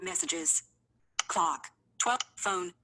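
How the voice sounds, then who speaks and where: A woman's voice: on the high side, very animated, drawn-out words, vocal fry, pushed and bright. A female text-to-speech screen reader voice, played from a phone held up to a speaker and re-recorded, reading out single app names one at a time in a clipped, mechanical way. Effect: synthetic screen reader voice played from a phone held up to the speaker.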